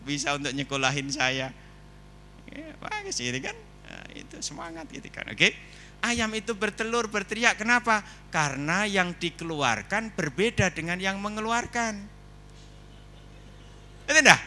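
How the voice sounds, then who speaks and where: Animated man with a bright, forceful voice. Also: sits high, normal speed, pauses often, slight background noise. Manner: animated storyteller, asks the audience questions. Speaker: seminar speaker. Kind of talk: lively humorous seminar talk. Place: indoor seminar hall.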